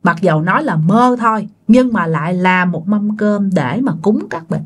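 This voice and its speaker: A woman's voice: medium pitch, normal speed, breathy edge. A woman, hosting and narrating a ghost story casually, talking straight to her listeners. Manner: chatty, addresses listeners directly. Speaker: storytelling channel host.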